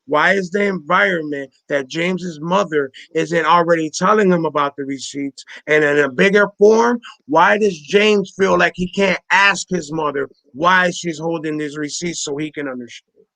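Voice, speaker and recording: Man in his forties, high voice, gravelly fry, emphatic, slangy, repeats points, casual panel talk. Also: normal speed, sharp tone, no echo. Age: 40s. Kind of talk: casual political panel chat.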